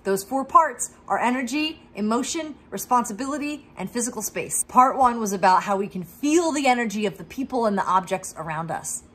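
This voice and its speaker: A woman's voice: on the high side, expressive, brisk, few pauses, fairly bright tone, husky. A woman in her thirties from Pennsylvania with a Philadelphia accent, a professional organizer giving an upbeat, encouraging talk to camera with self-deprecating asides. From Pennsylvania, USA. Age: 30s.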